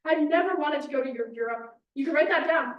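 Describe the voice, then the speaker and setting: A woman's voice: sits high, brisk, muffled recording. A woman reading a play aloud, playing a proud, boastful actress who is on edge. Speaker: actor in a staged reading, playing an actress fleeing Kyiv. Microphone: distant microphone. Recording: echoey room, distant mic, faint noise.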